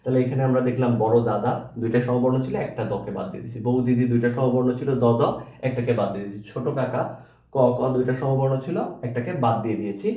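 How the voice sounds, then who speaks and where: Guy teaching a grammar class, asks then answers himself, warm tone, echoey. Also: mid-range voice, steady tone, fast talker, dull audio. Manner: asks questions and answers them himself, repeats key terms. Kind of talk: grammar lesson.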